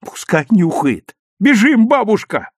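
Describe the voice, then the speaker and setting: An excitable young boy shouts in eager bursts, high and leaping in pitch, as a male storyteller puts him on. The reading is close and dry, like a children's audiobook. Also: normal speed, no room sound. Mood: excited.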